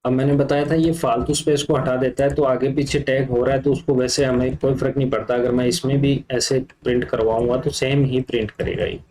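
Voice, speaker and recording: A man's voice: mid-range voice, level tone, fairly quick, few pauses, darkish tone, a little hiss or hum, low-quality recording. A man teaching a computer class, explaining step by step while he types, with frequent fillers. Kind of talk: live coding lesson.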